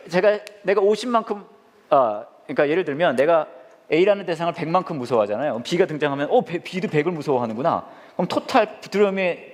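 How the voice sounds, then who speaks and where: A man who is a pastor, teaching a Bible study in an animated way, asking the audience questions and answering them himself. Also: a little high, long reverb tail. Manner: acts out quoted lines in changed voices.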